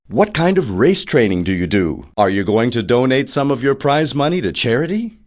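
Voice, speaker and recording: Speaking at a medium pitch, a man performs as a video game's excitable TV reporter, questioning race winners in a flashy announcer style.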